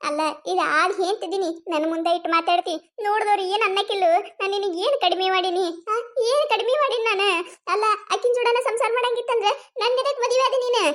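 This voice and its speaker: A very high, piercing voice from a loud village wife in a cartoon comedy, as a woman voices her. She speaks with a North Karnataka Kannada accent and keeps scolding, mocking and wailing. The tone stays shrill and quarrelsome throughout. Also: fast.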